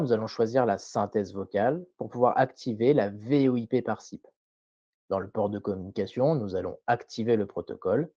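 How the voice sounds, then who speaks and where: A man presenting a scripted tutorial voice-over in a measured, didactic way, carefully enunciated. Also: medium pitch, dark tone, no echo, dull audio.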